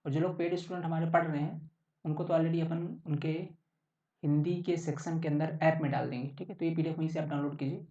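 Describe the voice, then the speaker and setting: A man's voice: on the high side, steady tone, fast, warm tone. Brief: male coaching teacher, conversational and repetitive, recorded a little far from the mic, dull tone. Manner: chatty, keeps checking in with listeners. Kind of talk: casual online lesson. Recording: roomy, distant, dull sound.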